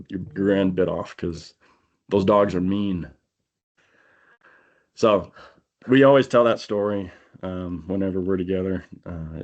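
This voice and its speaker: Animated man telling a hunting story. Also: deep voice, muffled recording. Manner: animated, laughs often, acts out quotes. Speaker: podcast host. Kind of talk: casual storytelling on a hunting podcast.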